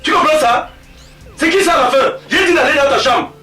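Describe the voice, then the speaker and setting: An actor playing a domineering, angry father who shouts, mocks and keeps repeating his questions at his daughter, in a TV drama. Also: very high voice, brisk, echoey room, far from the mic, faint music behind. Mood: commanding. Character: furious controlling father, domineering and threatening. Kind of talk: African TV series acting. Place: home interior.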